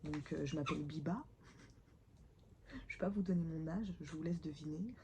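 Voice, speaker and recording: A woman with a hoarse, stuffed-up voice from a cold, chatting casually to camera in a self-deprecating, slightly awkward book vlog at home. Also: low voice, moderate pace, a little mellow, a little hiss or hum. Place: at home, indoors.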